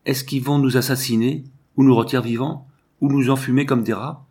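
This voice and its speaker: A man's voice: mid-range voice, expressive, normal speed, natural voice. A man voicing a frightened, weepy middle-aged housemaid who wails and pleads. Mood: terrified. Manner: wailing, plaintive.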